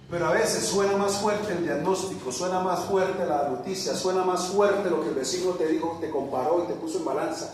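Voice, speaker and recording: Man pastor, fairly high voice, preaches with repeats and rhetorical questions, heard far off in an echoey church hall. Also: slight background noise. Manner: rhetorical questions, repeats words, rises to loud peaks. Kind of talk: sermon.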